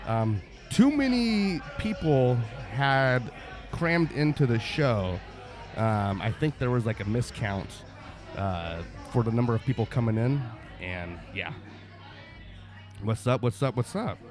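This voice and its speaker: A man hosts a live show in an easy, slangy style, affirming his guest as he goes. His pitch is average, and faint music plays behind him. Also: lively intonation, slow pace. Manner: slangy, affirming, says bro and dude often. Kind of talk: casual live interview.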